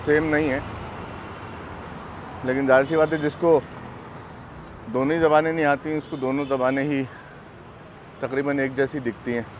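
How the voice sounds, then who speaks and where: A middle-aged man from Pakistan narrating a casual walking travel vlog outdoors on a lapel mic, unhurried and chatty with many fillers. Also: mid-range voice, flat delivery. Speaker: travel vlogger. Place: busy city street outdoors. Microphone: clip-on lapel mic. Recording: outdoor street noise. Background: street traffic.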